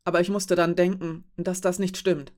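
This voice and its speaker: A self-doubting young woman from a storybook, read by a woman narrator. She speaks calmly and matter-of-factly, with a low-key, even delivery. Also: normal speed, natural voice. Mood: earnest. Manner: calm, matter-of-fact. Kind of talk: audiobook character voice.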